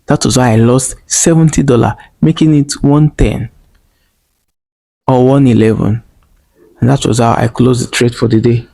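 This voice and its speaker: A man's voice: mid-range voice, steady tone, moderate pace, gravelly, pauses often, dark tone. A man telling a personal story in a vlog, earnest and emotional, repeating phrases and speaking straight to viewers. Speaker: vlogger.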